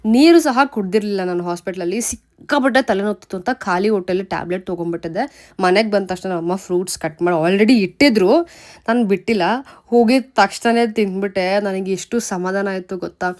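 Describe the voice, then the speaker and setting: A woman's voice: mid-range voice, brisk. A young woman, chatting casually to camera at home in a vlog, telling stories. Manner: chatty, storytelling, shifts loud and soft. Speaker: vlogger.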